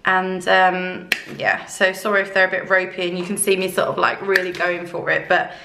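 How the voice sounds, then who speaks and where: Croaky woman chatting through a craft tutorial. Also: fairly low pitch, completely flat delivery, normal speed, noisy background. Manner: rambling, conversational, many fillers. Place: room at home under ceiling spotlights. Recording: echoey room.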